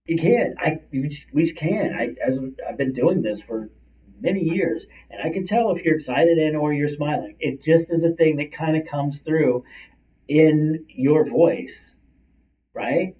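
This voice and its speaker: A middle-aged man, talking fast and chatty as a career coach hosting a livestream from his office. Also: a little high, dark tone. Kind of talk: casual livestream coaching talk. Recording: distant mic, slightly far-off sound.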